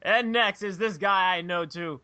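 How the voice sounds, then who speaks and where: A young man hosting a casual podcast, loud, crude and giggly as he introduces each guest. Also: sits high, a little slow, slight background noise. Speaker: podcast host. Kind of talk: casual chat.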